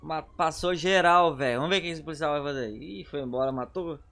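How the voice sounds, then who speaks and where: A young man with a Brazilian accent giving excited, slangy reaction commentary on game clips, exclaiming and repeating short phrases. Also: fairly high pitch, brisk, vocal fry. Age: young adult. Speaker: gaming reaction video host.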